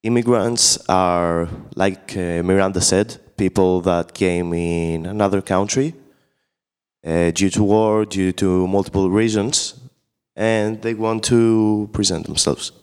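A man with a very low, smooth, resonant voice. He answers in short, plain statements. The room gives his voice a long reverberant tail. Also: fairly even intonation, slow, darkish tone. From Greece. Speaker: podcast guest. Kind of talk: casual discussion answers.

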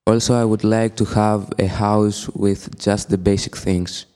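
A teenage boy from Greece, answering haltingly with many pauses. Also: fairly low pitch, level tone, warm tone. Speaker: student guest.

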